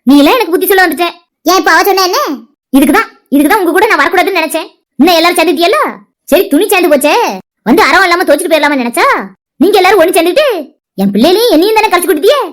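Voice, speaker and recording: A protective young village mother argues in a Tirunelveli accent, as a woman voices her in a cartoon. Her voice sits very high and moves fast. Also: expressive. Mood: indignant. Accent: Tirunelveli Tamil. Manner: argumentative, protective. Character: quarrelsome young mother, daughter-in-law.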